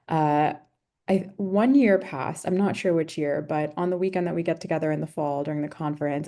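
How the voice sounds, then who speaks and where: A woman in her twenties, a law student speaking as a webinar panelist over a video call, warm and hesitant with many fillers. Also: fairly low pitch. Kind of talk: casual chat.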